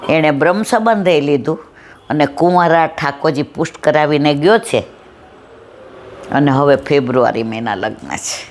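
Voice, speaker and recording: A woman's voice: low-pitched, normal speed, a little mellow, a little hiss or hum. Middle-aged woman telling a devotional story. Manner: conversational, asks the audience if they follow. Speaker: satsang speaker.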